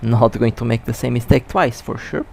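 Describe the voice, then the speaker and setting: A man with a gravelly, creaky voice gives loose live commentary over a space game. He has the hiccups, and his chatty narration keeps catching and restarting mid-word. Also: medium pitch, moderate pace, a little mellow, slight background noise. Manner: casual, chatty, self-correcting. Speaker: mobile space game player.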